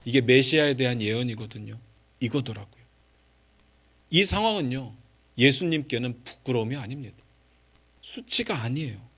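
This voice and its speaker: A middle-aged male pastor preaching a sermon, moving between quiet asides and raised, impassioned pleas and leading the congregation in reading scripture aloud. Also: on the high side.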